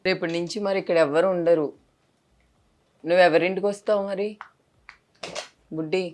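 A young woman chats in a casual vlog, her voice slightly low in pitch. She coaxes and soothes a small child in a tender, pleading tone, asking the same questions again and again. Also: steady tone, normal speed, very noisy. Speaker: vlogger.

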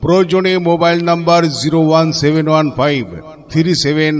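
A man announcing through an outdoor loudspeaker, his fairly high voice pushing out emphatic, repeated phrases. The sound rings with a long, trailing reverb. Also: fairly even intonation, fast.

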